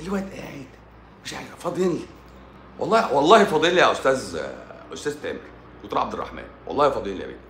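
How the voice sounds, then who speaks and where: An Egyptian man, a doctor hosting his own live stream, talking in an animated, sarcastic monologue and repeating points for emphasis. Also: medium pitch, very fast, reverberant, slight background noise. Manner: sarcastic, mocks critics in a playful tone; repeats himself for emphasis with frequent stumbles.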